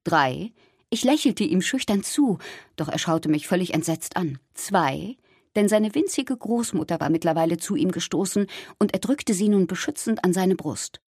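A woman with a husky voice reading a first-person story aloud in a lively way. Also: fairly low pitch, normal speed, no echo, clean studio sound. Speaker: narrator. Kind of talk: audiobook narration.

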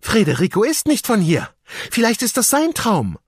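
A man's voice: very high-pitched, fairly quick, pushed and bright, slightly rough, no echo, studio quality, pitched above the performer's own voice, full character voice. A man voicing an eager young boy in a raised voice.

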